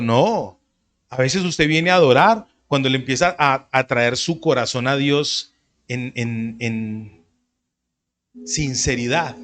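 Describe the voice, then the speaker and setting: A man preaches a sermon. His delivery is animated and conversational, and he jumps into short acted-out quotes. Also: a little high. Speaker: pastor.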